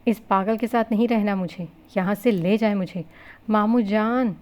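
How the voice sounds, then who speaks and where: Feisty, sharp-tongued young bride for a novel reading, voiced by the narrator. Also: female voice, medium pitch, fairly even intonation, close to an everyday voice. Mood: shouting.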